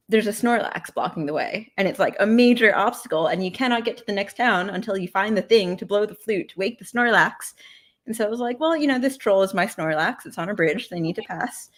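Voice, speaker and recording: A woman's voice: medium pitch, lively intonation, a little fast. A woman author chatting casually in a livestream interview, rambling with lots of "like" and playful self-deprecating asides. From United States. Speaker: author guest.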